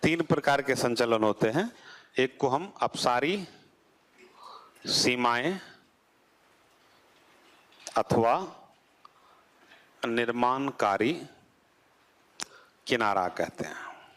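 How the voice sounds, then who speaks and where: A male teacher gives a classroom geography lecture at a moderate, mid-range pitch. He keeps putting rhetorical questions to the class and answering them himself. His voice falls low as he closes off each point. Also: lively intonation, drawn-out words, pauses often, fairly bright tone.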